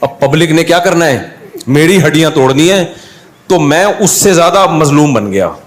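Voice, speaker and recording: A middle-aged man telling anecdotes over a drawing video, animated and acting out other people's lines. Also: a little high, normal speed. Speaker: drawing channel host.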